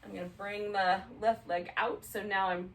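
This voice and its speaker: A woman leads a yoga class in an easy, chatty manner and laughs often. Her voice sits at an ordinary middle pitch. She is picked up from some distance in an echoey room. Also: moderate pace. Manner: relaxed, chatty, laughs easily. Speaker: yoga instructor. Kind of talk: guided yoga class instruction. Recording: roomy sound, mic at a distance.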